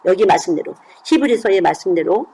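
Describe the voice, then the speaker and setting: A woman's voice: fairly low pitch, expressive, a little fast, mellow, breathy edge, rough recording. A middle-aged woman delivers a sermon in an easy, talking tone. She keeps turning to the congregation with questions. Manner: conversational, asks the congregation questions. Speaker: children's missionary preacher.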